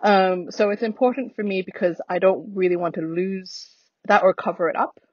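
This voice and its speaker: A woman's voice: mid-range voice, steady tone, moderate pace, a little mellow, husky, no echo, lo-fi sound. A woman with an American accent influenced by years in Britain, chatting casually and reflectively in thoughtful, hesitant phrases. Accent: American with British influence. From United States.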